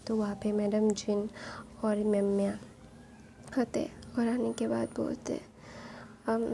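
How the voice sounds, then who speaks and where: A woman's voice: mid-range voice, flat delivery, a little slow, vocal fry, mellow, slight background noise, poor audio. A woman retelling a fanfiction story casually, chatty and full of fillers.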